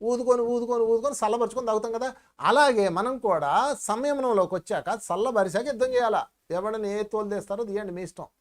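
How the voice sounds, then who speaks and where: Animated male meditation teacher. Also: sits high, fairly quick. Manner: storytelling, animated, addresses listeners as friends. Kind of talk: spiritual discourse to viewers.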